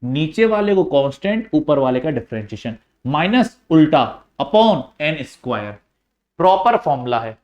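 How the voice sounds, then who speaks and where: A man's voice: a little high, big pitch swings, normal speed, a little mellow. A male teacher working through a maths lesson step by step, coaxing and repeating the key points straight to his students.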